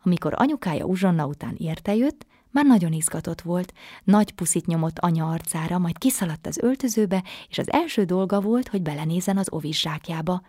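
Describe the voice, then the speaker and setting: A woman reading a bedtime story aloud gently, often sinking to a soft whisper. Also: fairly low pitch, lively intonation, no echo, studio quality.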